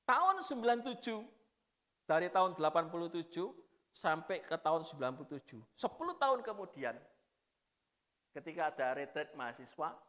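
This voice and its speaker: A man. His pitch leaps and falls with lively feeling. He moves from loud, pressing points to quiet, confessional stretches. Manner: animated, swinging from loud emphasis to hushed confession. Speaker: preacher. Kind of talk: sermon.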